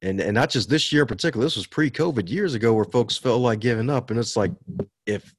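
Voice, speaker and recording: A man's voice: mid-range voice, quick pace, husky, no room sound. A man from Baltimore, a podcast guest talking in a casual interview in an upbeat way. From Baltimore, USA. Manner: upbeat, laughs often.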